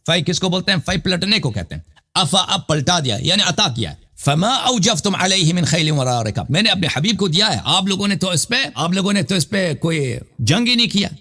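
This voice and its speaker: Insistent cleric guy arguing then lecturing on verses, punchy bright tone. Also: sits high, very animated. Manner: insistent, repeatedly challenging the other to recite the verse; explains grammar in a lecturing tone. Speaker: cleric in a debate. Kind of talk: debate and Quran exposition.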